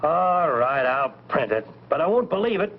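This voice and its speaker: An American actor playing a gruff, sarcastic, skeptical newspaper boss in 1940s B-movie style. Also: male voice, on the high side, very animated, normal speed. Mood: sarcastic, exasperated. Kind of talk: 1940s B-movie film acting. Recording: muffled, crackly vintage film soundtrack.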